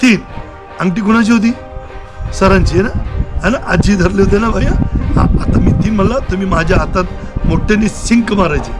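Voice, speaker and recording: Man, street magician, high voice, chatty showman patter, loud music behind. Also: normal speed. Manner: chatty showman, coaxing and joking with onlookers. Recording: loud background music over outdoor audio.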